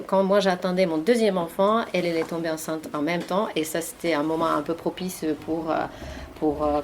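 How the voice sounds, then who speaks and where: A Finnish woman in her forties, an author and journalist, answers questions at a library talk in a meeting room, speaking French as a second language with a Finnish accent. Her voice is low, with a little hiss or hum on the recording, and her answers are full of fillers and restarts.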